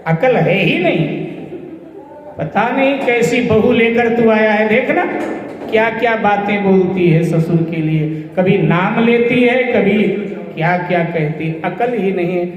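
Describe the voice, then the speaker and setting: A man's voice: sits high, measured pace, distant mic, muffled recording. A man voicing a short-tempered village mother-in-law who scolds in a curt way, recorded with hall echo and faint music. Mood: scolding.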